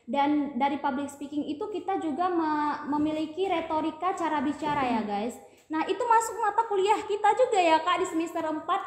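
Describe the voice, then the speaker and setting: A woman's voice: sits high, fairly quick. A young woman from Aceh, a student guest chatting casually on a podcast, explaining with lots of fillers. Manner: chatty, explains with many fillers, addresses listeners as guys. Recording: echoey room with faint noise.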